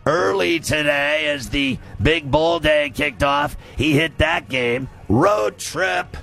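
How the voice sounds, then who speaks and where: A man hosting a sports radio show in a loud, scratchy, gravelly voice, boastful and verbose, often yelling. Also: fairly high pitch, very animated, slow, faint music behind. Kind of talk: brash sports radio monologue.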